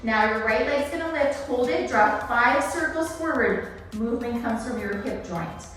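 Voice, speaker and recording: A woman with a fairly high voice teaches a Pilates class as an aerobics instructor. She gives encouraging cues and counts down each set. She sounds some way from the mic in a strongly echoing room. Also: animated, normal speed, fairly bright tone. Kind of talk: aerobics instructor cueing and counting through a workout. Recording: echoey room, distant, music behind.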